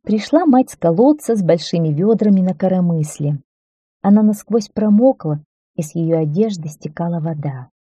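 A woman narrating a children's story aloud, calm and steady. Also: lowish voice, normal speed, breathy edge, no room sound.

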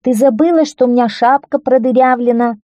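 A woman voicing a selfish young schoolboy in a children's story, loudly making excuses. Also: on the high side, fairly quick, no room sound, highs cut off, pitched above the performer's own voice, natural voice. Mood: complaining. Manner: loud, defensive, excuse-making.

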